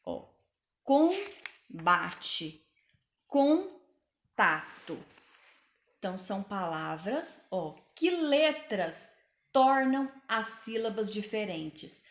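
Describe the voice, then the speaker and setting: A woman teaches a recorded spelling lesson at an unhurried pace. She sounds out each word patiently and clearly for her pupils. Her voice rings in an echoey room. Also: mid-range voice, animated. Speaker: Portuguese language teacher.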